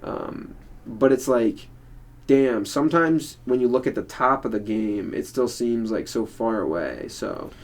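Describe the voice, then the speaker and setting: A young man chatting casually as a podcast co-host. He rambles, circling his point with a steady stream of fillers. His voice sits at an ordinary middle pitch. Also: unhurried. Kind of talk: casual chat.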